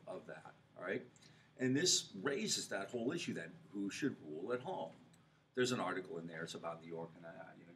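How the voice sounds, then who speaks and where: A male history professor lectures a class, his voice low and deep. He talks loosely, with fillers, asides and rhetorical questions to the room. The mic sits well away from him and picks up a faint hiss. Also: fairly bright tone, distant mic. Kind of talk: university lecture. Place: lecture hall.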